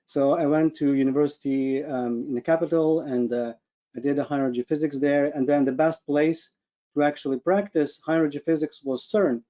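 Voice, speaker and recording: Speaking with a Ukrainian accent, a man from Ukraine who works as a medical physicist presents informally about himself in a webinar held over a screen-shared video call. His somewhat high, dark voice stays steady and brisk, though he earnestly gropes for words, and the audio sounds dull.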